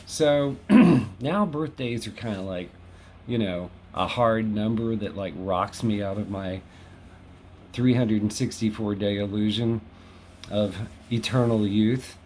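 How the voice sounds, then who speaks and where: This time the host's voice is fairly low, slow, and darkish, with slight background noise behind it. He is a Los Angeles man in his 50s talking to camera from his West Hollywood home, keeping things chatty, wry, and self-deprecating.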